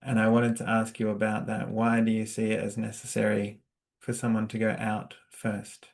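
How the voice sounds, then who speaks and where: Australian male host, relaxed conversational interviewer, flat and even delivery, lots of ums. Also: lowish voice, moderate pace, creaky. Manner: warm-hearted, hesitant, with many fillers and laughs. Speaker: podcast host.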